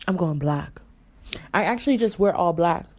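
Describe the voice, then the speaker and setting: A woman's voice: on the low side, lively intonation, moderate pace. A young adult woman hosting a podcast, talking in a casual monologue full of asides and rhetorical questions. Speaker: podcast host.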